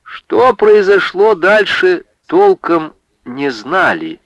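A man narrating a literary story for radio in a measured, expressive way. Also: high-pitched, no echo, lo-fi sound.

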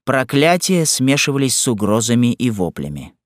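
A man narrating a classic novel as an audiobook, in a measured, expressive reading. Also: mid-range voice, dry recording, clean studio sound.

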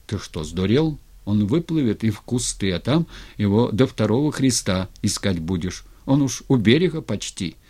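A man's voice: lowish voice, expressive, normal speed, mellow. A man reading a blunt, practical Cossack comrade in an audiobook, talking in coarse, plain speech. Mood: gruff, blunt.

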